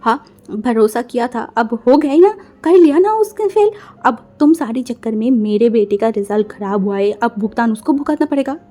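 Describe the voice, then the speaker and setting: A woman's voice: on the high side, normal speed, warm tone, close to an everyday voice. A woman voicing a stern middle-aged father who answers with sarcastic, blaming retorts.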